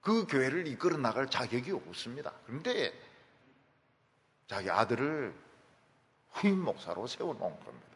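Animated gravelly pastor preaching. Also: male voice, mid-range voice, normal speed, pauses often, big-room sound. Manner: emphatic storytelling. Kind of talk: sermon.

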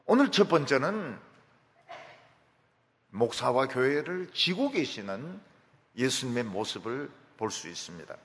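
A middle-aged male pastor preaching with an emphatic, storytelling delivery, his pitch leaping widely and a gravelly edge to his voice. The sermon rings in a long, reverberant church hall. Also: big pitch swings, measured pace, long pauses, fairly bright tone.

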